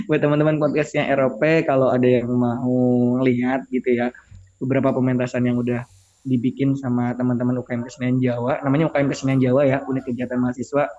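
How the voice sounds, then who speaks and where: A young man chatting casually as a guest on a podcast, playful and quick to laugh. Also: mid-range voice, darkish tone, muffled recording.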